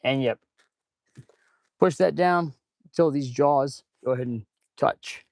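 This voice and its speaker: Gravelly, mouth-breathing man on a casual livestream. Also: a little high, measured pace, darkish tone, no room sound, clean studio sound. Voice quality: stuffy, congested nose. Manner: audible heavy mouth breathing; rambling, informal, addresses viewers as "man" and "guys". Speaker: livestream host and auto shop mechanic. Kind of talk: casual livestream chat while working.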